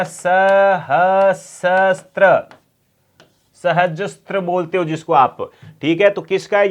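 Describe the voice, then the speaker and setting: High-voiced man teaching, repeating words slowly. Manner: drills words by repeating them slowly, quizzes students; playful teasing threats to hurry answers. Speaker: Hindi teacher. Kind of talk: online exam-prep lesson.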